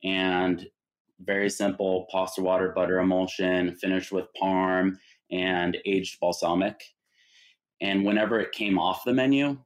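A man, a restaurant partner, talking in an interview in an earnest, measured way. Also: deep voice. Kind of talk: casual interview talk.

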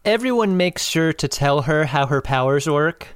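Man, podcast co-host, slightly high voice, dry close recording, wry amused reactions. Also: animated, moderate pace, clear, resonant tone, no room sound. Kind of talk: casual chat recapping a TV episode.

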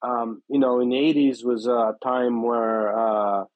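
In a dry, slightly dull recording with no room sound, a Brazilian chef and restaurant owner in his fifties speaks with a Brazilian Portuguese accent during a casual interview. His medium-pitched voice is flat and a little slow, and he hesitates often, filling gaps with many fillers.

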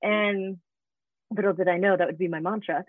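A woman's voice: on the low side, fairly even intonation, normal speed, no room sound. Chatty woman on a tinny line. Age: 30s. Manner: chatty, laughing, many fillers. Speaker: guest, fitness business founder. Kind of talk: casual interview storytelling.

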